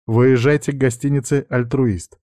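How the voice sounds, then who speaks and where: A man putting on a brisk, businesslike woman who gives quick, practical instructions. The voice sits somewhat above the reader's own, dark-toned and dry, as in an audiobook. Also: mid-range voice, fairly even intonation, no room sound, pitched above the performer's own voice, lightly acted. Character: businesslike older female adept, brisk.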